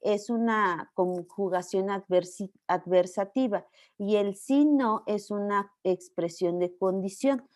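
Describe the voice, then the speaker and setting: A woman's voice: medium pitch, slow pace, darkish tone. Mexican woman teaching a patient lecture. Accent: Mexican Spanish. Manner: patient, explains step by step with checks like "¿vale?". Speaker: university teacher. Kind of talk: online class lecture.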